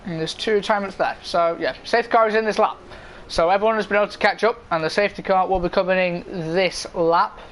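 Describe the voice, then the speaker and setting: A man's voice: high-pitched, fairly even intonation, fast, fairly bright tone, a little hiss or hum. A man giving informal live motorsport commentary on an online racing game.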